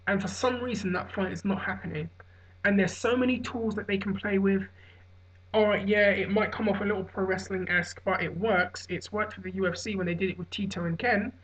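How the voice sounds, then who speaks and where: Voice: medium pitch, fairly even intonation, a little fast, fairly bright tone. A hungover person giving unscripted opinion commentary on fights, rambling and correcting themselves as they go. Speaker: online MMA commentator. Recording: dull lo-fi audio.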